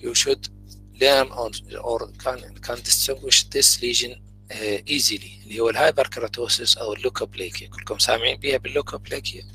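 A man with an Iraqi Arabic accent giving a medical lecture, mixing Arabic speech with slowly spoken English medical terms. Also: medium pitch, steady tone, sharp tone, faint music behind, low-quality recording. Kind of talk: university lecture.

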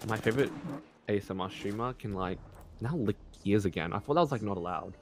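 A man's voice: fairly low pitch, lively intonation, fast talker. A man streaming games with friends, joking around and laughing at himself. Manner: playful, joking. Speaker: streamer and teammate. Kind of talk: casual gaming chat.

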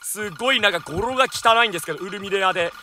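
A man giving energetic, jokey let's-play commentary with loud outbursts. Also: high voice, rapid-fire, a little hiss or hum. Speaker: gaming YouTuber.

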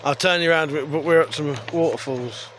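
A man's voice: a little high, brisk, noisy background. A man in his thirties vlogging casually outdoors by a river, filming on a phone at arm's length, joking and teasing himself. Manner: jokey, self-mocking, chatty. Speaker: YouTube vlogger. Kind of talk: casual travel vlog. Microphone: phone held at arm's length.

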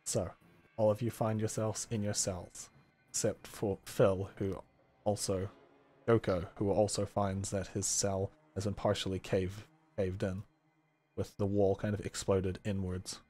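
A man acting as game master, slowly narrating a post-apocalyptic tabletop scene with descriptive, scene-setting delivery. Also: on the low side, level tone, mellow.

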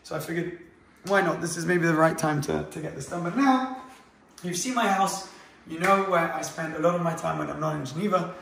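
A man's voice: a little high, a little fast, gravelly, slight background noise. A young man in his twenties, chatting casually with many fillers as he walks through a modern house. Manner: relaxed, chatty, many fillers, walking while talking. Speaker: vlogger giving a home tour. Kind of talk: casual chat. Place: indoors, modern house, moving room to room. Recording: echoey rooms, slightly distant mic.

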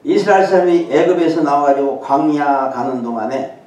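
An older guest preacher delivers a sermon conversationally in a church sanctuary, often dropping in short affirming interjections. His voice is fairly high and a bit dark in tone, with fairly even intonation and a slightly quick pace. The hall is very echoey, and he sounds far from the mic.

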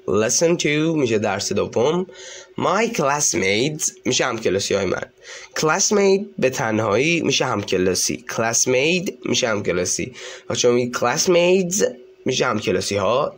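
A man teaching a school English lesson with an Iranian Persian accent. He reads the English phrases slowly, then translates and explains them. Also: medium pitch, a little hiss or hum. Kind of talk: textbook lesson walkthrough.

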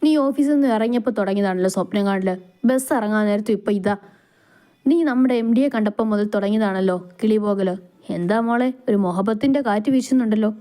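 A woman's voice: medium pitch, fast talker, warm tone, close to an everyday voice. A woman voicing a playful, blunt young woman who teases her dreamy friend. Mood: teasing. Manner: teasing, scolding.

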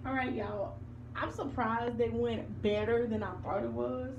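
A young American woman speaks in a high, slow-paced voice with some background noise. She chats casually to viewers and slips into playful, sing-song talk to her pet. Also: steady tone, vocal fry, muffled recording. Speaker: dog owner vlogging. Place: small tiled bathroom, later carpeted room at home. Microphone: handheld or propped phone.

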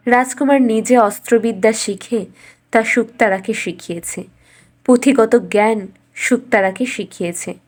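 A storyteller with a slightly high voice narrates a scripted bedtime fairy tale, keeping her delivery expressive yet measured.

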